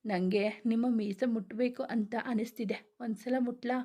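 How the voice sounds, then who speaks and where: A woman's voice: a little high, steady tone, normal speed, dark tone, close to an everyday voice. A woman doing a shy sulky young bride. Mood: bashful. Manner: pouting, bashful.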